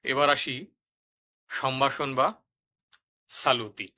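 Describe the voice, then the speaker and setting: A man narrating a step-by-step language lesson, explaining pronunciation rules and repeating each example word twice, slowly and clearly. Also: mid-range voice, fairly even intonation, bright, forceful tone. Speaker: language teacher.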